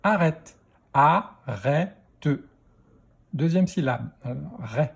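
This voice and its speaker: A man leads a children's reading lesson at a very slow, careful pace, breaking every word into letters and syllables. His voice sits a little high for a man. It has a mellow, dark tone with a slightly husky grain. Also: expressive. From France. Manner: slow, spelling out sounds letter by letter. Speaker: teacher.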